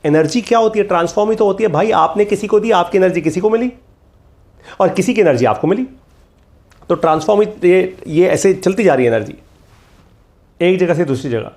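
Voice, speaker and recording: A man's voice: high voice, animated, a little fast, pauses often, darkish tone. Emphatic man giving a motivational talk. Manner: emphatic, repeats key lines, mixes English phrases. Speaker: motivational course instructor.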